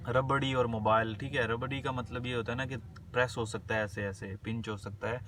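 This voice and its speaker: Man lecturing, reading definitions slowly. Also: medium pitch, fairly bright tone, distant mic, slight background noise. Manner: reads English definitions slowly, then explains them casually in Hindi. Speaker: medical lecturer. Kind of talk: explanatory lecture, Hindi with English terms read out slowly.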